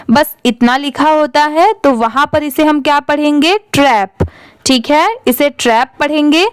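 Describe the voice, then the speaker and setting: High-voiced Indian woman spelling slowly. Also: no room sound, rough recording. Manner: spells words letter by letter, then reads them; asks and answers her own questions. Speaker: English reading teacher. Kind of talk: slow spelling-out lesson.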